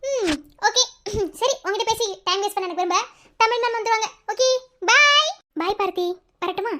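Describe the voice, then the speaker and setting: A woman's voice: very high-pitched, moderate pace, heavy background noise. A woman voicing a breezy, teasing young female college student in a cartoon. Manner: teasing, offhand. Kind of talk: cartoon voice acting.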